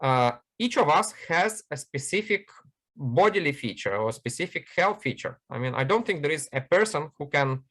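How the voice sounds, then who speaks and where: A man with a somewhat high speaking voice leads a training session. He explains concepts one example at a time, often pausing with hesitations as he searches for words. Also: animated, a bit bright. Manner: explanatory, lists many examples, frequent hesitations. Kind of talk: training lecture.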